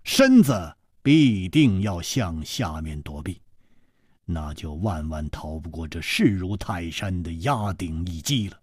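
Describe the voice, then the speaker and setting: A male storyteller narrating a martial-arts audiobook theatrically, jumping from loud bursts to hushed whispers. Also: sits low, expressive, takes it slowly, breathy edge, no echo, clean studio sound.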